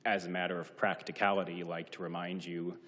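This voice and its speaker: A man's voice: low voice, little pitch movement, brisk, a bit bright. A man giving a formal, argumentative prepared speech as a public commenter at a meeting, a little short of breath. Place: large indoor council chamber. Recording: reverberant hall sound.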